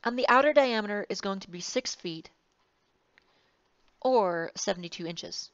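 A woman's voice: medium pitch, normal speed, fairly bright tone, no echo. A woman engineering instructor giving a recorded lecture, rambling and correcting herself with wry asides. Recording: dull, slightly muffled, dry sound.

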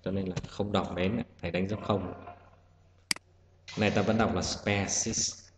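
A man teaching an exam-prep lesson, explaining every answer patiently and step by step. His voice sits on the low side and rings with a long hall echo. A steady hiss runs under the recording, and mouse clicks sound behind him. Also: measured pace. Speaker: English teacher. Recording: echoey room with loud hiss.

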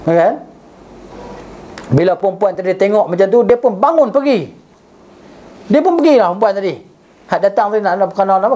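Guy teaching a religion class, mellow voice, tells it like a story, keeps asking the room "right?". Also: high voice. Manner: animated storyteller, recites Arabic then explains it.

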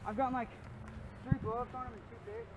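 Narrating a pond fishing trip for his vlog, a teenage boy speaks offhandedly in slang, captured outdoors by a camera mic. His voice is extremely high-pitched and fast, with fairly even intonation, and the recording is very noisy.

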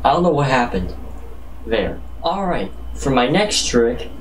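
A man hosts a casual comedic challenge vlog in a medium-pitched, animated voice. He is profane and jokey, overplaying his reactions, and the recording carries faint noise. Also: unhurried, distant mic, low-quality recording. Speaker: vlogger.

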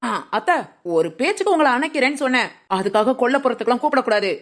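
A woman's voice: high-pitched, lively intonation, quick pace. A woman voicing a cheeky, lazy young village daughter-in-law in a cartoon, teasing and talking back. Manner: sly, teasing, talks back. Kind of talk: cartoon voice acting.

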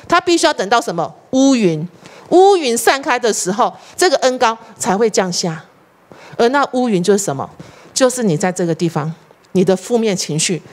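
Lively woman preaching. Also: medium pitch. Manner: animated, rhetorical questions to the congregation. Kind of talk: sermon.

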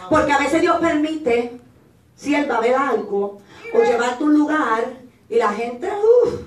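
High-voiced woman preaching in an echoey hall. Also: animated, slow. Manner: impassioned, shouting at peaks, acts out voices of others. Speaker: evangelist preacher. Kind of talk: Pentecostal sermon. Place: church. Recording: echoey church hall, mic at a distance.

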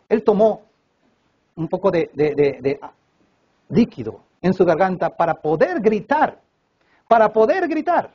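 A man preaching a sermon at a church service, swinging between loud emphatic cries and hushed low passages. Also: breathy edge, lo-fi sound. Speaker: pastor.

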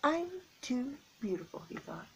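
A woman's voice: sits high, big pitch swings, unhurried, vocal fry, a bit bright, slightly rough, voice pushed up, exaggerated voice. A woman voicing a vain young male fish in a storybook, proud and then lonely.

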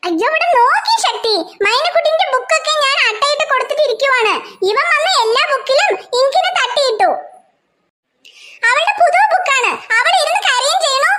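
A woman's voice: very high voice, expressive, brisk, full character voice. A woman voicing a harried cartoon mother who scolds her children and complains to her husband. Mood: scolding. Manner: scolding, exasperated, chatty asides to viewers. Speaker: channel host. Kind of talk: cartoon voice acting. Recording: loud background noise.

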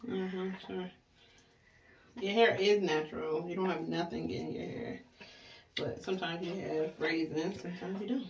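A mother in her thirties, a family vlogger, styles her daughter's hair while chatting casually in a blunt, teasing way. Her voice is fairly low and steady at a normal speed. She's in a small room at home, picked up by a camera or phone a short distance away, so the sound is roomy, muffled and distant with faint noise.

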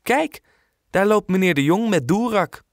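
A man voicing an eager little girl in an audiobook, with high, excited exclamations. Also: unhurried, no room sound, clean studio sound. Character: eager little girl who dreams of knighthood. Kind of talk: audiobook character voice.

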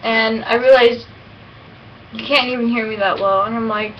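Clear background noise surrounds a woman with a fairly high voice. She rambles casually in an informal vlog style, recorded at home. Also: steady tone, moderate pace, lo-fi sound. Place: at home at a computer, with a dog nearby. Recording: noisy amateur home recording.

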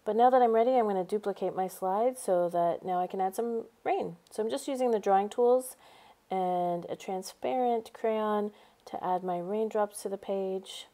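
Speaking mellowly in a mid-range voice and at a moderate pace, a woman teacher voices a tutorial over a screen recording. She keeps things upbeat as she goes through each step.

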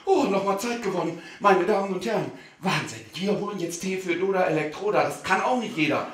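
A male comedian performing a live stage show, speaking to the audience in a mock-formal, animated way and sometimes shouting. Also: sits high, fairly quick. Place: theater stage. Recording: roomy theater sound.

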